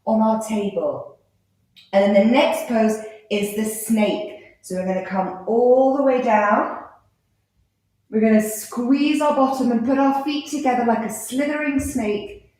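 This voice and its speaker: A woman teaching a live children's yoga class, giving gentle, encouraging, playful instructions. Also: fairly high pitch, a little slow. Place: live class in an indoor room. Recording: very echoey room.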